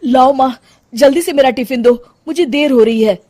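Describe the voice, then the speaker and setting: A woman doing a nervous henpecked young guy in a cartoon, kinda high voice, dry close sound, flustered. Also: moderate pace, mellow, no echo. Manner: flustered, placating. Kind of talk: Hindi cartoon story voice acting.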